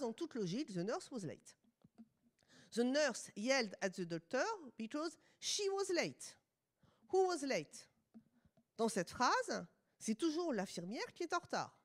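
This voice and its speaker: A middle-aged woman from France with a French accent, giving a conference lecture with ironic asides. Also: high voice.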